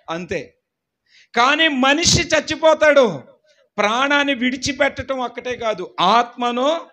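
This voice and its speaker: High-pitched, slow-talking hoarse male pastor. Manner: call-and-response, quizzing the class and urging them to repeat aloud; emphatic, bursts into shouted lines. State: hoarse, voice worn out. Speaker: pastor teaching a Bible class. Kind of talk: Bible study teaching.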